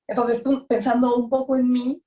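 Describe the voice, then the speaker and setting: A woman's voice: fairly high pitch, level tone, moderate pace, mellow. A woman from Peru giving a reflective comment in a discussion, often adding a questioning tag. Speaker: discussion participant. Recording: voice distant from the mic.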